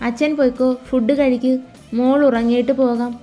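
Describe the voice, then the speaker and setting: A woman's voice: high voice, little pitch movement, fairly quick, warm tone, soft background music, natural voice. A woman voicing a playful, affectionate young daughter who talks in a sweet, teasing way.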